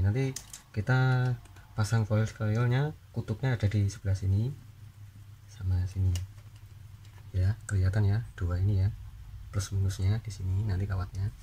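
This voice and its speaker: A man with a fairly low voice hosts an informal repair tutorial, explaining the hands-on work to viewers in brief step-by-step phrases. Background noise can be heard.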